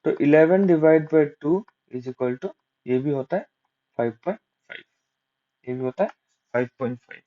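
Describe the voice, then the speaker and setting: Speaking at normal speed with long pauses, a male maths tutor in a fairly high voice talks through exam-prep problems one step at a time. He answers his own questions and sprinkles English maths vocabulary into Hindi. The recording is dull and lo-fi.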